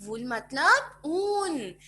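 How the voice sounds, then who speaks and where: A woman with an Indian English accent teaching a nursery class online, asking questions slowly and repeating each answer for small children. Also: sits high, sing-song, sharp tone. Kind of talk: online kids' class, Hindi-English mix.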